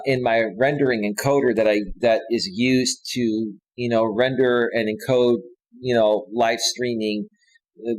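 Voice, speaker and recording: A man in his forties talks off the cuff on his own live stream, looping back and restarting his sentences. His voice sits at an ordinary middle pitch. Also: rough recording. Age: 40s. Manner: rambling, with frequent restarts and fillers. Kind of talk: casual live stream talk.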